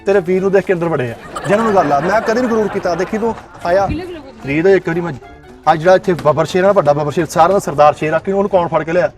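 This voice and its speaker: A man's voice: high-pitched, rapid-fire, over music. A man doing boastful, teasing comic banter outdoors at a zoo. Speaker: comedy sketch performer.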